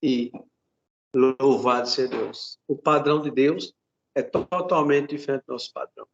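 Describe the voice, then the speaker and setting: In a lo-fi recording, a Brazilian pastor works a retold testimony into his sermon, speaking fervently, repeating words, and often calling out to his brothers. The voice is gravelly, medium in pitch, and a little slow.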